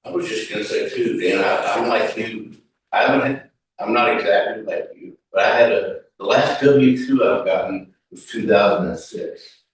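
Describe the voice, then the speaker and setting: Male participant, lower voice, reflective and halting, distant echoey sound. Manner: reflective, halting, restarts often. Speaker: workshop participant. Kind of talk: informal group talk. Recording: echoey room, mic far off.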